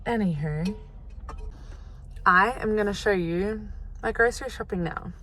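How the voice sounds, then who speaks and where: A woman's voice: medium pitch, a little slow, a bit bright. A young Australian woman chats casually and ramblingly to viewers, recorded on a phone camera inside a car. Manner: chatty, informal, rambling. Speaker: vlogger. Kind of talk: casual vlog chat to viewers. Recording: noisy phone camera audio.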